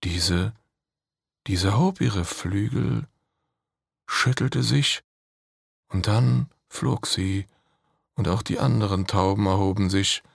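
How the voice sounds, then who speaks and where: Slow, gravelly male storyteller. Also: on the low side, no room sound, studio quality. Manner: slow, measured narration with hushed dramatic pauses. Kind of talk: told fairy tale.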